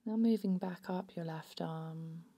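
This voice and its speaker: In a voice on the low side, a woman guides listeners through a body scan meditation. Her manner is soothing, hushed and unhurried.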